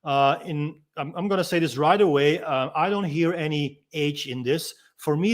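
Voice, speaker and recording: Man, freediving instructor, slightly high voice, patient step-by-step teaching, demonstrates sounds. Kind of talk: instructional walk-through.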